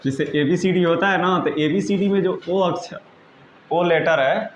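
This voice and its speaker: A man with a fairly high voice teaches patiently, repeating points and checking that his students understand. He spells words out slowly, one letter at a time. The room sounds echoey, with a faint hiss over a slightly dull recording. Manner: patient, repetitive, asks "understood?" often. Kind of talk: classroom-style lesson in Hindi.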